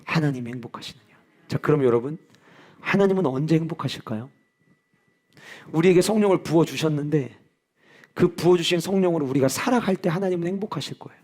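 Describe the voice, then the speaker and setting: A man's voice: a little high, fast, pauses often, a little mellow. A male pastor preaching in a church, earnest and personal. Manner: earnest, personal, with acted-out quotes. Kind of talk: sermon. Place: church sanctuary.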